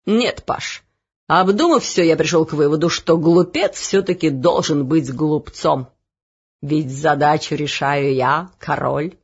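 A woman voicing a pompous, self-assured king in a storybook reading, lower and louder than her narration. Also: slightly rough, lo-fi sound, exaggerated voice. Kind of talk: audiobook reading.

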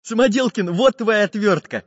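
A man's voice: sits high, normal speed, pitched above the performer's own voice. A man voicing a cheerful, boyish magic artist who speaks eagerly. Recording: dull lo-fi with long reverb.

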